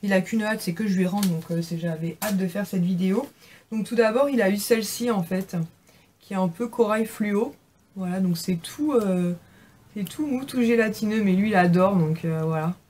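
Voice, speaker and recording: A young woman in a casual haul video, chatting warmly about gifts, with many fillers and restarts. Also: medium pitch, moderate pace, slight background noise. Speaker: beauty vlogger.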